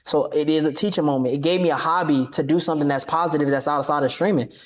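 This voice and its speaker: A young man talking casually as a podcast guest, animated and confrontational, heavy on slang. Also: fairly high pitch, quick pace. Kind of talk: casual interview talk.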